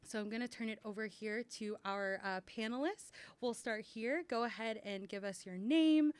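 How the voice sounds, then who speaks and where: A woman's voice: fairly high pitch, normal speed, clear, resonant tone. A woman who works in university admissions, moderating a student panel in an upbeat, welcoming way.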